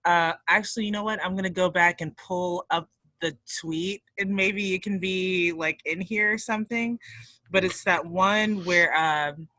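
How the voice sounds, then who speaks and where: Woman podcast co-host, casual and profane, with a bright edgy voice. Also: on the low side, unhurried, no echo, poor audio. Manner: rambling, profane, joking. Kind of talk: casual chat.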